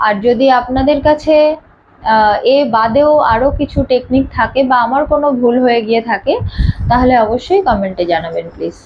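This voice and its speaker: A woman with a high voice gives a relaxed spoken lesson to parents. She explains each step patiently and says each sound again and again. The recording sounds dull and lo-fi. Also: fairly quick, slight background noise. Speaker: teacher.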